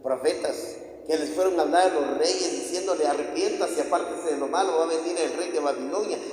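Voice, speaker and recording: High-voiced preacher in an echoing hall. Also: male voice, brisk. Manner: emphatic preaching with swings in pitch and loudness. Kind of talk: sermon. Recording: very echoey hall with long reverb.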